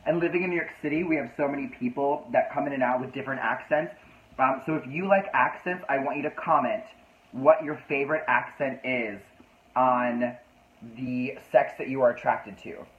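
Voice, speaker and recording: A man's voice: medium pitch, moderate pace, echoey room, narrow, tinny audio. A man hosting a casual live-stream chat, flamboyant and talkative, reading out viewer comments. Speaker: host. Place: New York City.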